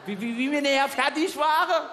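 High-voiced stammering Saarland carnival comedian. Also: male voice, brisk, sharp tone, a faint crowd, slight background noise. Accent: Saarland German. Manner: comic stammering on first words. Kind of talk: stage comedy monologue. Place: large carnival hall with audience. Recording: long hall reverb.

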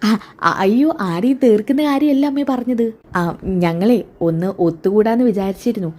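Woman reading as a nervous young guy stammering excuses, mellow soft voice. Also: mid-range voice, normal speed, lightly acted. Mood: flustered. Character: young adult man, scheming son caught lying.

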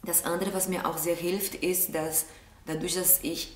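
Young brazilian woman vlogging, lowish voice, echoey room, mic a bit far away. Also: level tone, unhurried. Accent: Brazilian Portuguese. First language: Portuguese. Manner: thoughtful, gestures a lot with her hands. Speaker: vlog host answering viewer questions. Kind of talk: casual chat to camera. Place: living room, seated on a sofa. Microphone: camera a short way off. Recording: roomy sound, mic at a distance.

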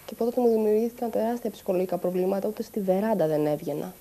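Woman, very dark mellow tone, halting, distressed testimony. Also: medium pitch. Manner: halting, distressed, with pauses and restarts. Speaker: interviewee recounting harassment. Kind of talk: emotional personal testimony.

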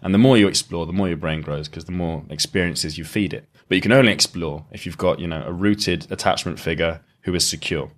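A man with a very low, deep voice. He speaks as a podcast guest, thoughtful and explanatory, circling back and restarting his sentences as he works through an idea. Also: fairly quick, few pauses. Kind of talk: reflective conversational interview.

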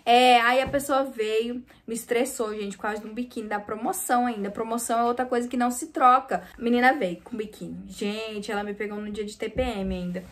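A woman's voice: on the high side, steady tone, fairly quick, few pauses. A woman with a Brazilian Portuguese accent, a small clothing store owner, chatting casually and venting to her viewers. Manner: chatty, venting, often addresses viewers directly. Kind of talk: casual vlog storytelling.

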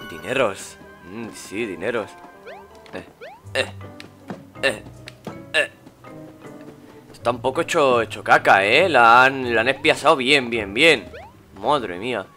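Young Spanish let's player, chatty and exclamatory, bright mid-pitched voice. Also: male voice, animated, slow pace, pauses often, faint music behind. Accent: Spain. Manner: chatty, exclaiming, mutters while searching. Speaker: gaming YouTuber. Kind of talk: let's play commentary.

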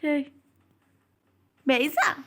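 A woman hosting a playful game-play vlog, giggling often and sometimes dropping to a hushed voice. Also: sits high, lively intonation, extremely slow, vocal fry. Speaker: channel host.

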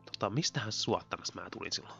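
A man's voice: deep voice, lively intonation, vocal fry, bright, forceful tone, faint music behind. A man giving rambling, giggly commentary on his own gameplay as a Let's Play host. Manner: chatty, rambling, giggly, talks to himself while playing.

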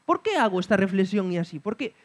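Man, conference speaker, high voice, very animated, keeps tossing "mm?" at the room. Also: fast talker. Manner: keeps checking in with listeners with a questioning hum. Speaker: speaker at a talk. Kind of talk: reflective conference talk.

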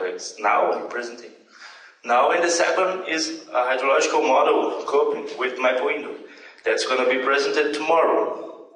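Speaking English with a Brazilian Portuguese accent, a young conference presenter hesitates, uses fillers and corrects himself often during his academic talk. His voice is medium-pitched and fairly bright. Heard via handheld mic through the speakers of a large, dim hall with a projection screen, it's captured from far off by a camera, echoey, with slight background noise.

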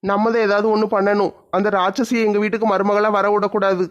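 A performer acting in a village comedy sketch with a cheeky, deadpan manner. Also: medium pitch, quick pace, highs cut off.

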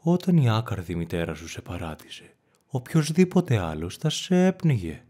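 Guy doing a severe preachy old cartoon judge, loud and accusing, husky. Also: on the low side, big pitch swings.

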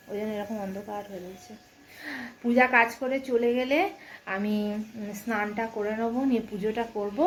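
A middle-aged Bengali woman talks to her vlog viewers in an easy, chatty way, her voice a little high and kept soft so the household stays asleep. She sounds at home in her morning routine, and a faint hum of the room sits behind her. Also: poor audio. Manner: soft-spoken, chatty, talking quietly so as not to wake the household. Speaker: vlogger. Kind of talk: casual home vlog chat.

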